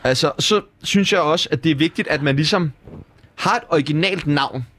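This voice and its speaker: A man hosting a comedy show, bantering in a deadpan, mock-serious way. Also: on the high side. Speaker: host.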